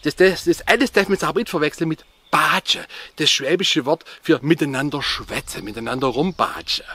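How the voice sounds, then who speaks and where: A man's voice: fairly high pitch, normal speed, pushed and bright, slight background noise. A man with a Swabian accent presenting an informal explainer on dialect words, addressing his viewers directly.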